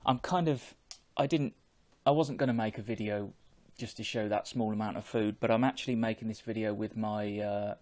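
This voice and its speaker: Man, thirties, lowish voice, casual vlog chat, measured explaining, earphone mic. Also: fairly even intonation, darkish tone. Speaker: vlogger. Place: small home room with bookshelves. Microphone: earphone microphone.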